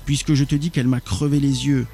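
A man's voice: medium pitch, fairly even intonation, normal speed, warm tone, close to an everyday voice. A man voicing a terrified wounded young man who has been clawed and blinded, pleading frantically. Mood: panicked pleading.

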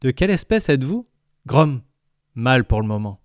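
A man's voice: medium pitch, big pitch swings, normal speed, no echo, clean studio sound, voice pushed up, lightly acted. A man voicing a big, chatty male alien cook who gurgles and loves to talk. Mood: explaining. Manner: gurgling, talkative.

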